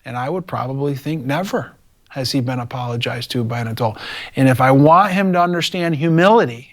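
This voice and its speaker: A man's voice: mid-range voice, brisk. Man telling a classroom story. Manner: animated, acts out quoted dialogue. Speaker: teacher. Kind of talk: storytelling in an interview.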